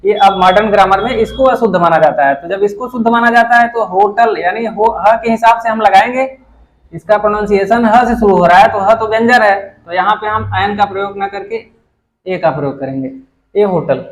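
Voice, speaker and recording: A man with a high-pitched voice gives a grammar lesson. He explains each rule step by step, asks a question and then answers it himself. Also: fairly quick, low-quality recording. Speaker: English grammar teacher.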